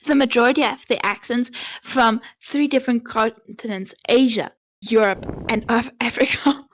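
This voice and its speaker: A woman's voice: a little high, steady tone, normal speed. A woman co-casting a live esports match, teasing her partner and giggling between remarks. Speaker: esports co-caster.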